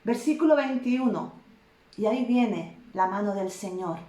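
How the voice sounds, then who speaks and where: Slow, emphatic woman preaching in an echoey hall. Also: medium pitch, dark tone. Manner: slow, emphatic storytelling with repeated phrases. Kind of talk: sermon. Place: church hall. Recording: echoey room.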